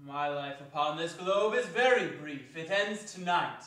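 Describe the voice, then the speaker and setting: A man's voice: a little high, unhurried, fairly bright tone. A man playing a hearty, solemn, ageing Christmas spirit in a theatrical stage reading. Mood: grave, urgent. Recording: echoey hall, distant, faintly noisy.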